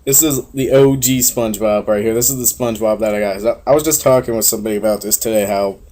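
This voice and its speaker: A young man from Florida with a monotone voice, giving laid-back, casual gameplay commentary full of fillers and offhand swearing. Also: lowish voice, fast talker. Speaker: game commentator.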